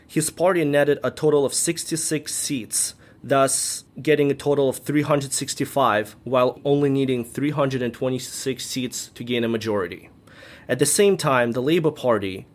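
A man co-hosting a podcast, reading prepared political analysis in an even way. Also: medium pitch. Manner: reads prepared points evenly. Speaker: podcast co-host. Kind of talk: scripted news analysis.

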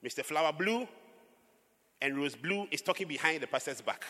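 Male pastor, animated preacher, husky raised voice, long church-hall echo. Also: on the high side, moderate pace. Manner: animated preaching with sudden loud outbursts and laughs. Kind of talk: sermon.

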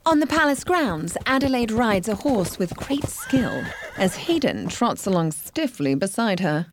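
A woman's voice: mid-range voice, very animated, a little slow, background noise. A woman giving scripted narration of a story in a playful storytelling manner.

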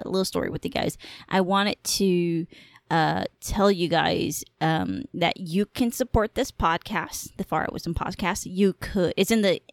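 On her own podcast, she chats freely and wanders off topic, dropping casual curses and coughing occasionally from allergies. The voice is on the low side, captured cleanly with no room sound through a home podcast mic while she wears headphones.

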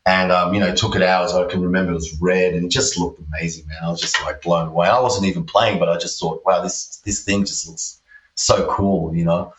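A deep, low-voiced Australian man chats in a loose, rambling way, full of ums and you-knows. His voice sits back from the mic in a roomy space. The audio is dull and muffled. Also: fairly even intonation, brisk, a bit bright, distant mic. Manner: rambling, laid-back, many fillers. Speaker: guest guitarist. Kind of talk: casual storytelling interview.

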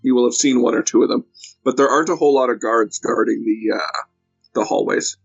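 A man narrating a tabletop game as game master, measured and hesitant with frequent pauses. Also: medium pitch, gravelly, no echo, muffled recording, soft background music.

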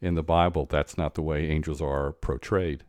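A deep, low-pitched man hosts a conversation, speaking in a halting, stop-start way full of restarts and fillers. The sound is dry and close, with no room echo. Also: fairly even intonation, a little mellow. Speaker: podcast host. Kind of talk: conversational interview.

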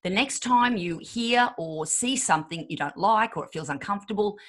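A woman's voice: medium pitch, expressive, normal speed, a bit bright. A woman in her fifties, a podcast guest giving relationship advice and acting out quoted voices. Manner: acts out quoted voices, emphatic.

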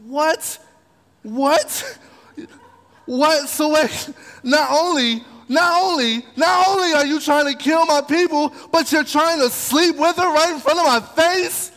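An excitable ancient king who dotes on his queen and flares into outrage, as a man acts him out. He gushes, exclaims and repeats himself in a voice pitched well up. The sound carries a long hall reverb. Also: a little slow, heavily acted. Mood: outraged.

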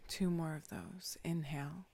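A meditation guide leading a guided meditation, often whispering soft, calm instructions. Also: mid-range voice, measured pace, creaky, a little hiss or hum.

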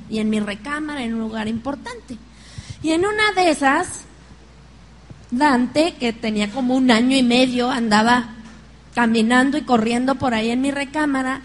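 High-voiced Mexican woman preaching. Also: slight background noise. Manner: lively storytelling, laughs along with the congregation. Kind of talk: sermon.

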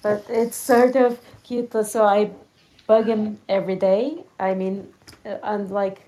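A woman co-hosting a tango talk show over a video call, chatty and quick to laugh. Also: medium pitch, fairly even intonation, warm tone. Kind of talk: casual chat on a video call.

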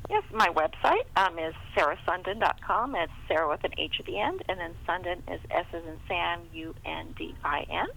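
In poor audio, a middle-aged American woman interviewed as an author chats away with hardly any pauses, laughing a little at her own expense. Her lowish voice is gravelly and a bit bright, and she talks a little fast.

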